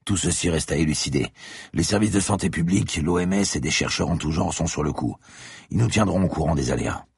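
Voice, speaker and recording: Deep, husky man narrating. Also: fairly quick, darkish tone, dry recording, clean studio sound. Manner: terse, gritty storytelling. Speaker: audiobook narrator. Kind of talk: first-person scripted narration.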